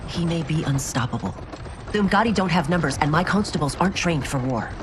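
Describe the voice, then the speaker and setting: An actress playing a proud former royal guard turned constable chief in a game cutscene, speaking formally and earnestly with firm resolve. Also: female voice, sits low, lively intonation, fairly quick, background noise. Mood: troubled, resolute. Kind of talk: dramatic video game cutscene acting. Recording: orchestral game music behind.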